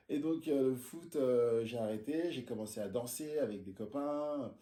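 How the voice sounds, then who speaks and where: A man's voice: mid-range voice, very animated, measured pace, mellow, reverberant. A man in his forties, an osteopath, telling his life story in a casual interview, hesitating often with fillers and restarts. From France. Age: 40s. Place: his osteopathy practice room.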